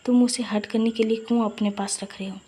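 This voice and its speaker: A woman's voice: a little high, steady tone, fast talker, warm tone, husky. A woman voicing a caring young woman who scolds her stubborn friend, in a fan story reading. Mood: scolding.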